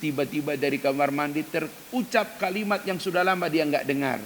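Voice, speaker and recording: A man preaching an emphatic dawn sermon in a mosque, speaking directly to the men of the congregation. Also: fairly quick. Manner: acts out quoted prayers in loud, high cries. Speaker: ustadz preacher. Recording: reverberant mosque hall with faint hiss.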